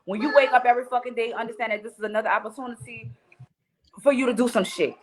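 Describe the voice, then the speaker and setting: Talking quickly in a slightly high voice, a podcast guest from New Orleans keeps it casual, blunt and full of profanity. Her New Orleans accent comes through as she tells animated stories, voicing the quotes herself.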